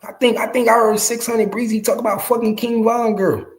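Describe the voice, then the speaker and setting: A man in his early forties hosts a podcast, talking fairly quickly in a high-sitting voice with a level tone. He offers his viewers slangy, profane, emphatic street commentary, repeating phrases so they stick.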